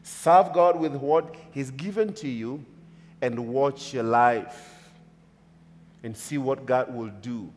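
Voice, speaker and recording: In a mid-range voice that takes its time, a Kenyan man in his thirties preaches a sermon with an emphatic, repetitive cadence. He's a pastor at the pulpit on a church stage with a large hall, and the hall's long reverb fills the recording.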